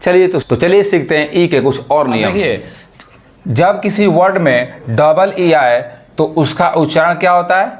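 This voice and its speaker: Man, teacher, slightly high voice, rhetorical questions, slow spelling of letters. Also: expressive. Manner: asks rhetorical questions and answers them himself. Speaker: English teacher. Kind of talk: classroom-style lesson explanation.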